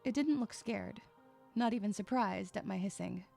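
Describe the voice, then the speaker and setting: In this first-person audio drama, a woman narrates as an irritable, sarcastic young female loner with troubles, sighing expressively as she goes. Her pitch is medium, her pace moderate and her tone gravelly over soft background music, all in a brooding mood.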